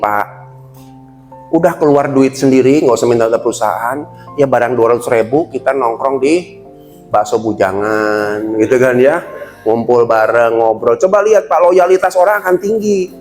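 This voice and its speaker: Lively man giving a leadership training. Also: mid-range voice. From Indonesia. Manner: lively, acts out quoted staff and bosses in snappy voices; addresses the audience as Pak again and again. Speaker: corporate trainer.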